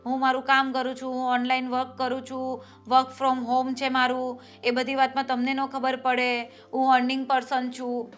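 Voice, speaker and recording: An actress playing a patient, worried wife and elder sister-in-law who reasons calmly about family troubles. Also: female voice, high voice, moderate pace, faint music behind. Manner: calm, reasoning, then pushing back. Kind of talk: family drama acting.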